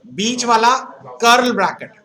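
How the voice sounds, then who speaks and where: A man's voice: very high voice, expressive, measured pace, pushed and bright. A man from Uttar Pradesh teaching a computer class, quizzing the students and joking with them. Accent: Uttar Pradesh Hindi. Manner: asks the class questions, jokes with students. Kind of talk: classroom lecture.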